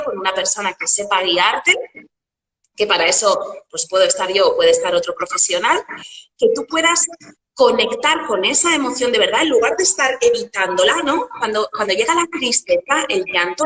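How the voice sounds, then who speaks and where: A woman explaining emotions with metaphors and rhetorical questions in a lively, casual conversation. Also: on the high side, reverberant, big-room sound, distant mic, poor audio. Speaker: guest coach.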